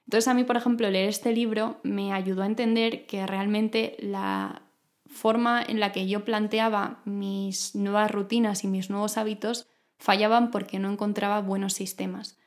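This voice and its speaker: A woman speaks at an average pitch, with an R that comes from the throat. She hosts in a conversational monologue style, explaining things informally and addressing the listener directly. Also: little pitch movement, moderate pace. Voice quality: throaty, guttural R. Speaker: podcast host. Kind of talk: conversational self-improvement monologue.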